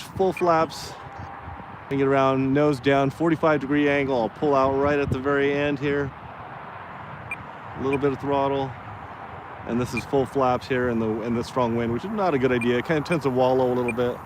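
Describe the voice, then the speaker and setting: A man's voice: medium pitch, fairly even intonation, fairly quick. A man giving casual, hesitant live commentary as he flies a model plane outdoors. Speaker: radio-control plane vlogger. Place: outdoors by a road in wind. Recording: noisy windy outdoor recording with vehicle sound. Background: wind and outdoor motor noise.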